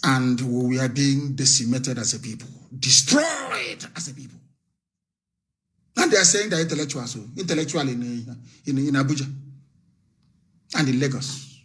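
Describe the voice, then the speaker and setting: A man's voice: medium pitch, moderate pace. A man giving a fiery, scornful political broadcast, full of repetition. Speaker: political activist leader.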